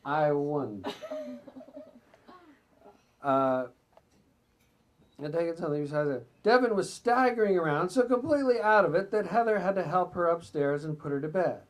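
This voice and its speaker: At a bookstore event, a man reads memoir excerpts aloud to a live audience, now and then stumbling and breaking off from the text for asides. His voice is a little high, his pace moderate, and he pauses often.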